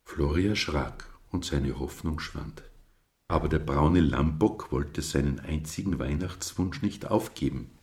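Very deep, slow male storyteller. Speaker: narrator. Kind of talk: storybook reading.

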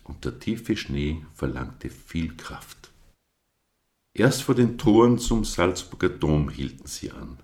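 Male narrator, very low-voiced and unhurried, storybook reading. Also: darkish tone.

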